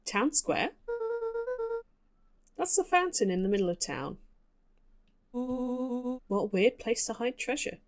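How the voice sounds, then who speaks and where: Slow-talking woman playing a cozy game. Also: on the high side, sing-song. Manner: reads character lines aloud, reacting with laughs and asides. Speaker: streamer. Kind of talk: casual let's-play commentary. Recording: game music behind.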